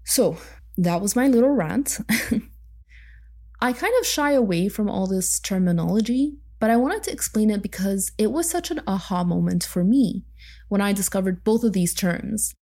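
This podcast host is a young woman from Egypt talking alone on her show, reflective and pensive, adding light laughs and side remarks. She has a mid-range, dark-toned voice with lively intonation at a moderate pace.

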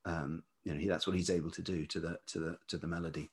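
Speaking quickly in a low, level, slightly rough yet velvety voice, a middle-aged man tells reflective anecdotes as a podcast interview guest. A writer and producer, he pieces his thoughts together hesitantly.

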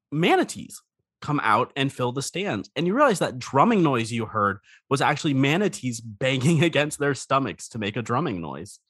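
Guy running a tabletop game, bit of a cold, chatty and expressive, dry close mic. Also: mid-range voice, husky, no room sound. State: under the weather with a cold. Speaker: game master. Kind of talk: casual tabletop game narration.

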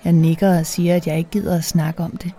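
A woman narrating a first-person erotic story in a soft, intimate voice that often slips into a whisper. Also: lowish voice, level tone, a faint crowd.

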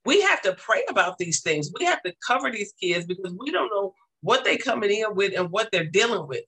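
Male teacher, high bright voice, emphatic repetitive preaching cadence, casual testimony. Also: big pitch swings, fairly quick, breathy edge, rough recording.

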